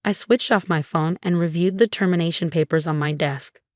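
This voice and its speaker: A woman narrating a first-person revenge story in a steady, measured way. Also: on the low side, no echo, clean studio sound.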